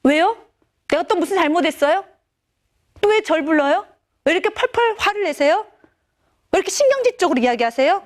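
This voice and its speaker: Whiny teen girl, defiant, accusing, high swooping voice, as a woman puts her on. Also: animated, a little fast, long pauses. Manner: whiny, protesting.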